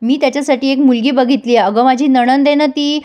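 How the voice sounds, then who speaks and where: A woman's voice: high-pitched, steady tone, fast, darkish tone, lightly acted. A woman voicing a cruel, money-minded elder sister who talks down to everyone, in a retold TV serial scene. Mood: bossy.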